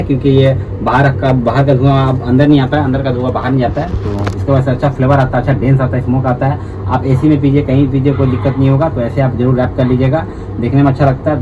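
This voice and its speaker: Chatty man demonstrating a hookah setup. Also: medium pitch. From India. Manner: repetitive, chatty, addresses viewers as brothers. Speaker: hookah tutorial host. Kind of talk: casual how-to demonstration. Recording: distant, dull audio with background noise.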